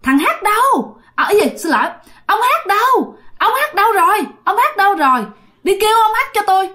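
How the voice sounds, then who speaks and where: A woman voicing the ghost of a drowned woman who speaks through a man, in a shrill, strange high voice. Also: big pitch swings, a little fast, sharp tone, exaggerated voice. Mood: demanding.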